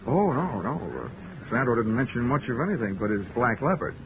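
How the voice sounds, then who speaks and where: A man with a medium-pitched voice, brisk and full of big pitch swings, plays a wisecracking insurance investigator narrating his own case in a 1940s radio drama. The delivery is dry and wry, and the dull recording carries music and background noise.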